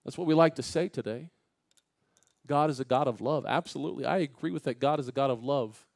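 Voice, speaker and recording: A man preaching a Sunday school sermon in a church, asking the congregation questions, dropping to a hush and then rising loud and emphatic, with the odd joke. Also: medium pitch, a little fast, vocal fry, dry recording, clean studio sound. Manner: swings from hushed to loud and emphatic, asks the room questions; jokes with the congregation. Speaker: pastor. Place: church sanctuary.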